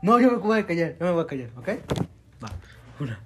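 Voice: medium pitch, sing-song, a little fast, music in the background. A Mexican speaker in casual, slang-heavy banter with friends, swearing freely and teasing crudely. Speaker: prank-call podcast host.

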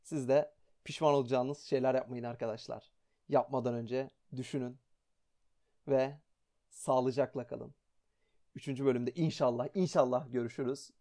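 A man's voice: medium pitch, fairly even intonation, moderate pace, pauses often, mellow. A young man ranting casually to his viewers, blunt and exasperated, swearing now and then. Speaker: vlogger. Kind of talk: casual rant.

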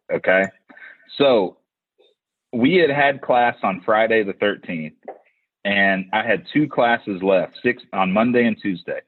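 Husky low-voiced man on tinny audio. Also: dry recording. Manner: animated storyteller, acts out quoted voices, many restarts. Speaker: podcast host. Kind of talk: casual chat, storytelling. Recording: tinny phone-like, dry sound.

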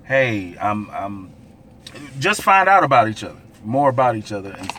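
A man hosting a relaxed group podcast conversation. His voice is bright and swoops up and down a lot. He often stops and restarts his sentences, and he laughs easily. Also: fairly low pitch, normal speed, slight background noise. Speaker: podcast host. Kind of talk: casual group chat.

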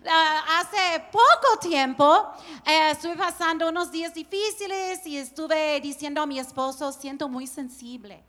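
A woman preaching a sermon, telling stories in an animated way and laughing along. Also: very high voice, measured pace, long reverb tail. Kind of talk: storytelling sermon.

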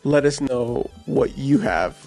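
Faint music plays behind a man who co-hosts a relaxed movie podcast and takes his time talking. His medium-pitched voice is a little mellow with lively intonation, and he rambles earnestly, full of fillers like "like" and "you know."

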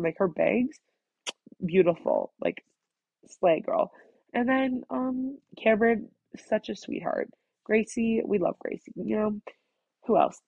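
Nasal, gravelly teen girl rambling. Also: mid-range voice, no room sound, highs cut off. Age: teens. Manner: fast-talking, scattered, full of "like". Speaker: student vlogger. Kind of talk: rambling casual monologue.

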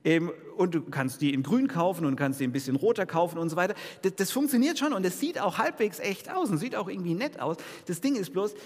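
Male pastor, conversational sermon delivery, slightly high voice, echoing church hall. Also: a little fast, hardly any pauses. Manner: lively, conversational preaching with audience questions.

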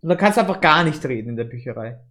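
A man's voice: fairly high pitch, lively intonation, fast, bright, forceful tone. A young man chatting candidly and casually with a friend. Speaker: co-host. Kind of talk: casual chat.

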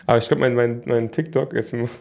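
A man's voice: medium pitch, steady tone, fast, creaky, darkish tone. A young man co-hosting a casual podcast, joking and laid-back, often trailing off mid-sentence. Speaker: podcast co-host. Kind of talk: casual chat.

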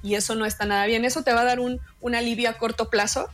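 A woman, a guest expert explaining emotions in calm conversation, measured and pausing to repeat her words. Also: on the high side, soft background music.

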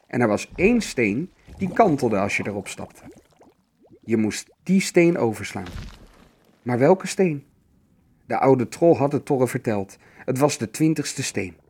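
A man reads a fairy tale aloud in an expressive storytelling manner. His pitch moves in a lively, animated way, with a middle voice overall. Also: breathy edge. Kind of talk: scripted narration of a fairy tale.

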